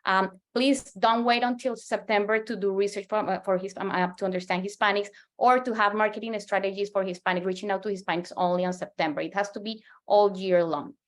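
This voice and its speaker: A Colombian woman in her forties, a native Spanish speaker with a Colombian Spanish accent, earnestly presents to a professional audience as a market researcher, often restarting and repeating words. Her mid-range voice is fairly even in intonation, a little fast, with hardly any pauses.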